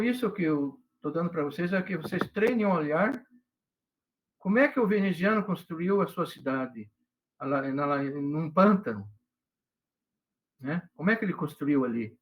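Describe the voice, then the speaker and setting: A man's voice: on the high side, low-quality recording. An older man lecturing students as a professor, chatty, often checking in with "right?" and slipping in Italian phrases. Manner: conversational, asks "né?" and "entendeu?" often.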